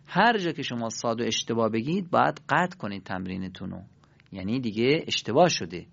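A man teaching Arabic letter pronunciation and prayer phrases, with quick explanations and slow drawn-out demonstrations for learners to repeat. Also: mid-range voice. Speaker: Quran recitation teacher. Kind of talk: pronunciation lesson with call-and-response drills. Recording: dull lo-fi recording.

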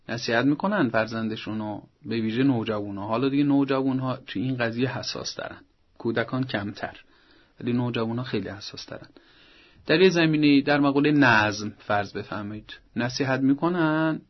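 Earnest male advice expert, husky. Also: mid-range voice. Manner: earnest and didactic, acts out parents and teens. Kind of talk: radio advice talk. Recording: dull lo-fi broadcast audio.

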